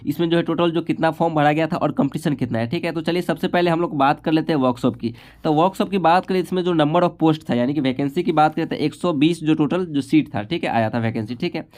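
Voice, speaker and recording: Speaking fast in a fairly high, a little mellow voice, an exam-prep instructor casually explains the numbers behind exam cut-offs and statistics. Almost every phrase gets a short confirming tag added at the end, again and again.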